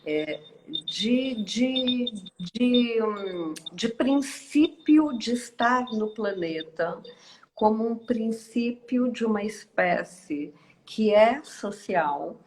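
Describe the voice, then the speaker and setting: A woman, hosting a reflective live online talk in a slow, musing way with many hesitations and tag questions. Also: on the high side, expressive, a little mellow, poor audio. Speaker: host.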